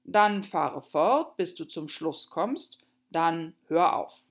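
A woman's voice: fairly low pitch, lively intonation, takes it slowly, muffled recording. A woman doing a ponderous, self-important king. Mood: pronouncing. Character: pompous, fretful king of a card court.

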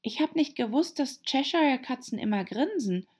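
A woman's voice: high voice, expressive, moderate pace, darkish tone, husky, pitched above the performer's own voice. A woman voicing a polite, somewhat timid little girl in an audiobook, courteous and eager to explain things. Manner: shy and polite, eager to show off knowledge. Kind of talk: audiobook character voice.

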